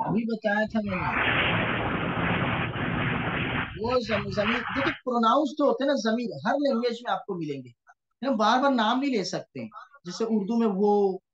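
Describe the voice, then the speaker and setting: A man's voice: high voice, expressive, moderate pace, pauses often, a crowd in the background. A man teaching an online grammar lesson, explaining patiently and often checking in with his students, over a computer mic on a video call. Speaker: Quranic Arabic teacher. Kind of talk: online class lecture. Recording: dull lo-fi online class audio.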